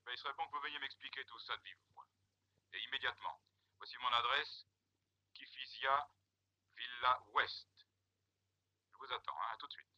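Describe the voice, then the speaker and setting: An actor playing a commanding superior heard over a telephone line in a 1960s spy film, curt and faintly ironic. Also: male voice, medium pitch, normal speed, pauses often, pushed and bright. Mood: impatient. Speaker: superior calling from abroad. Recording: thin muffled telephone sound.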